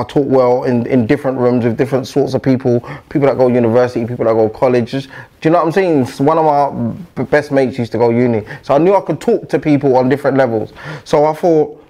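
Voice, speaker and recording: A man's voice: mid-range voice, a little mellow. A man with a London roadman accent in casual podcast chat, using street slang and frequent tag questions. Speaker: podcaster being interviewed.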